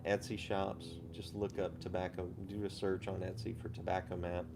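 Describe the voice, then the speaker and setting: A man with a low voice hosts a casual livestream. He talks in an unhurried way and explains items in detail, over a faintly noisy background. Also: creaky. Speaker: host of a pipe-smoking live chat.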